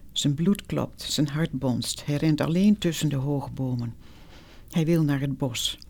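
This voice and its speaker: A meditation teacher tells a reflective story about herself or himself in a calm, measured manner, with a medium-pitched voice. When quoting someone, the teacher drops to a whisper.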